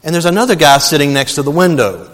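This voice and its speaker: Pastor guy preaching, kinda high voice, big hall echo, earnest storytelling. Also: expressive, fast talker, fairly bright tone. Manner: earnest storytelling, addresses listeners as beloved. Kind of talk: sermon.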